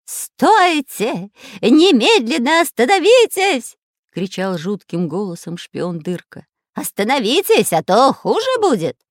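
A woman voicing a menacing male spy villain in an audiobook, shouting harsh threats. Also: fairly low pitch, fairly even intonation, measured pace, few pauses, no echo, studio quality. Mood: threatening.

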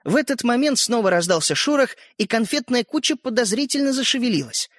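A man narrating a children's story in an expressive, animated way. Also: very high-pitched, fairly quick, no room sound, studio quality.

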